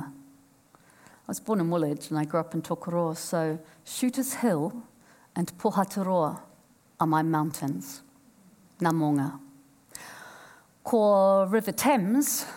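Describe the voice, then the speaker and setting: A woman in her fifties from New Zealand, giving a frank, playful personal storytelling talk on stage and joking with a live audience. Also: a little high. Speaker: speaker at a live event.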